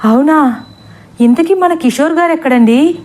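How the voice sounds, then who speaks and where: A woman's voice: high voice, unhurried, a little mellow, pitched above the performer's own voice. A woman voicing a frightened female schoolteacher who asks tearful, fearful questions.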